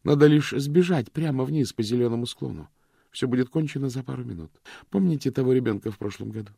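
A man's voice: mid-range voice, quick pace, gravelly, dark tone, breathy edge, dry recording, pitched above the performer's own voice. A male reader voicing a cold, cutting woman in a dry, close recording. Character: cold, mocking, unyielding woman.

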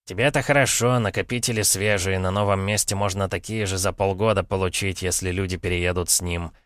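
A man's voice: medium pitch, fairly even intonation, fairly quick, a bit bright, dry recording, clean studio sound, voice pushed up, natural voice. A man voicing a fretful male grapevine spirit who complains and frets, in an audiobook. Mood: complaining. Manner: complaining, exasperated.

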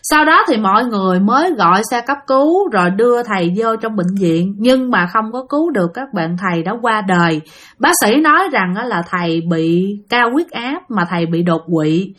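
A woman's voice: medium pitch, lively intonation, normal speed, fairly bright tone. A woman with a Southern Vietnamese accent telling a spooky story in a chatty way, often speaking to her listeners. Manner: chatty, addresses listeners directly, frequent fillers.

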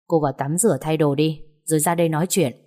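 A woman's voice: deep voice, fairly even intonation, quick pace, mellow. A woman voicing a stern, contemptuous older husband in a storybook reading. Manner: cold and contemptuous. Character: stern, cold older husband, a local official.

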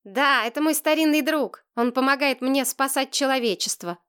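A woman's voice: sits high, moderate pace, fairly bright tone. A woman voicing a strange little boy who speaks earnestly and urgently, like a grown-up, in a storybook reading. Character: odd little boy who talks like an old sage.

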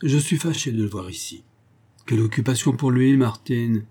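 A man voicing an eager, warm-hearted young English gentleman who speaks up earnestly for a friend. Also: medium pitch, normal speed, slightly rough, close to an everyday voice. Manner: earnest, indignant in defence of a friend. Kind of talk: audiobook character voice.

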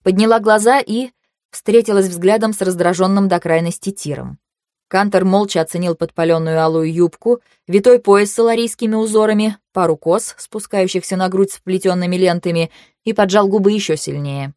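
A woman narrating a fantasy audiobook in the first person, with a measured, even storytelling manner. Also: mid-range voice, no room sound, studio quality.

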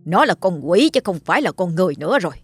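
A woman's voice: big pitch swings, fast, breathy edge, soft background music. A woman playing a spiteful scolding first wife. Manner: shrill, scolding, theatrical wailing. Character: scheming, mocking older first wife.

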